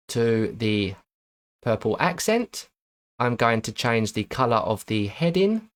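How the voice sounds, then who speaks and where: Man, mid pitch, tutorial narration, step-by-step, self-correcting. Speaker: web design tutor. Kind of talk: screen-recorded software tutorial.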